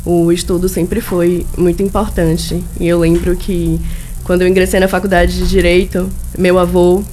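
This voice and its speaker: A woman from Salvador, a lawyer and law professor speaking as a radio guest in an articulate, measured way with formal wording. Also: lowish voice, level tone, warm tone, slight background noise. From Salvador, Bahia, Brazil. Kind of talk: radio interview.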